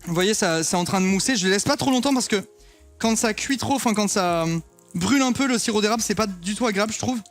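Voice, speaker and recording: A young man streams himself cooking in his home kitchen, chatting casually with viewers and occasionally swearing. His voice is high and his pace quick, with faint music playing behind him.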